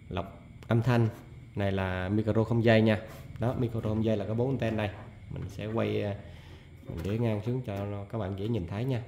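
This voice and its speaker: Male technician, casual step-by-step tutorial, mellow tone, roomy echo. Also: lowish voice, slight background noise. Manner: chatty, many fillers and "nha" tags, explains step by step. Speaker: audio equipment technician. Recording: echoey room.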